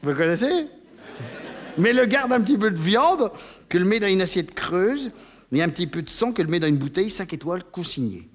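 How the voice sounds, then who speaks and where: A man telling an old folk tale to an audience in a lively, chuckling way, stumbling over restarts and slipping into character voices. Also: high voice, brisk. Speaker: storyteller.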